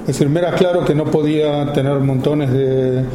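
A man in his fifties from Argentina with an Argentine Spanish accent, speaking informally to an audience about his work, slowly and with many pauses and fillers. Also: fairly high pitch, steady tone, echoey room, noisy background. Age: 50s. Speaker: photographer giving a talk.

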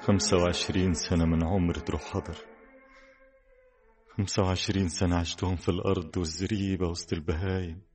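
Egyptian accent; actor as a solemn, weary farmer uncle; deep voice, faint music behind; old radio play. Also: male voice, level tone, fast talker, natural voice. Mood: resolute. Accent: Egyptian Arabic. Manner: solemn, resolute. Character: weary middle-aged farmer uncle, long-suffering. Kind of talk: vintage radio drama acting.

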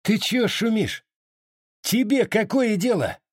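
A man's voice: high voice, lively intonation, takes it slowly, no room sound, clean studio sound, voice pushed up, full character voice. A male narrator voicing a cold, brash Cossack soldier who speaks in curt, sneering bursts. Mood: hostile.

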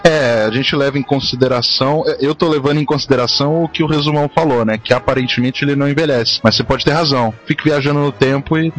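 A man's voice: mid-range voice, fast, few pauses. A man with a Brazilian accent talking casually as a host in a panel discussion. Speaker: podcast host. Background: faint background music.

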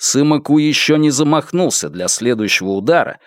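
A man reads a novel aloud as an audiobook narrator, with an expressive, dramatic delivery. His pitch rises and falls in lively swings. The recording is dry and close, with no room sound. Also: a little fast, dry recording.

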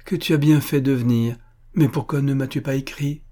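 A man's voice: mid-range voice, fairly even intonation, normal speed, mellow, voice pushed up, natural voice. A man reading aloud, voicing an elderly country widow who fusses and dotes on her son in a raised voice. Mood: fussy, overjoyed. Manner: fussy, affectionate exclamations. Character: elderly Russian country widow, doting mother.

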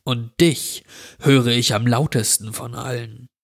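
Man voicing a slow, drawling sinister stranger. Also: mid-range voice, steady tone, creaky. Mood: mocking. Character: sinister drawling man, dirty, menacing wish-granter. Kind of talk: horror story reading.

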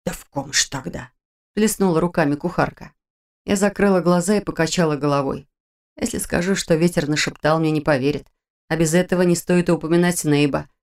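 A woman reading a first-person fantasy audiobook in an even, expressive storytelling manner. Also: sits low, a little fast. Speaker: audiobook narrator.

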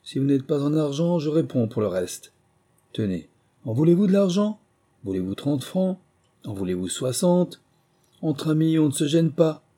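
A man voicing a boastful, jovial middle-aged recruiting officer who talks loudly and coaxingly. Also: a little high, sing-song, moderate pace, pitched above the performer's own voice. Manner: loud, expansive, coaxing.

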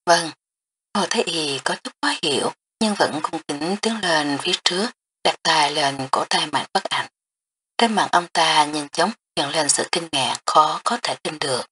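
Low-voiced woman narrating an audiobook. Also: unhurried, a little hiss or hum. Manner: calm, steady storytelling.

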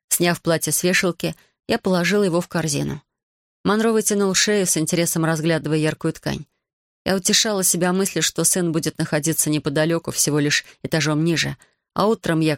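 A woman reading a first-person novel aloud as an audiobook narrator, in a measured, even storytelling manner. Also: sits low, no echo, studio quality.

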